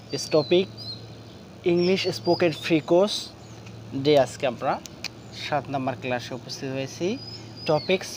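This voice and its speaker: Man, English pronunciation teacher, rhythmic word drills, fairly high voice, light background noise. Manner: drills words by repeating them rhythmically. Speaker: English teacher and course founder. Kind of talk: spoken English pronunciation lesson.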